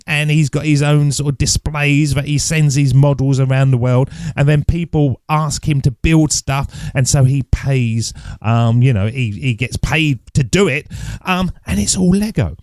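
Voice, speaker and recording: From his desk at home, an English man hosts a solo podcast with a loose, chatty teaching style, rambling and thinking aloud as he looks things up online. His voice is fairly high, captured dry on a close studio mic.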